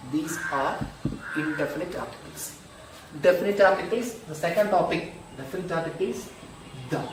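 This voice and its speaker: Slow, echoey teacher. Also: male voice, sits high. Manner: slow, repetitive, drills examples aloud. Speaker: school teacher. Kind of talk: online grammar lesson. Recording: echoey room, distant mic, noisy.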